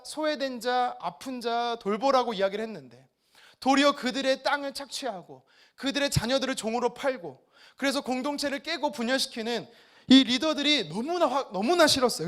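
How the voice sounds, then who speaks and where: A man's voice: extremely high pitch, fairly bright tone. Male pastor giving a sermon, voice swings up and down, keeps asking the crowd stuff, pretty emphatic. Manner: emphatic, asks the congregation rhetorical questions. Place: church service.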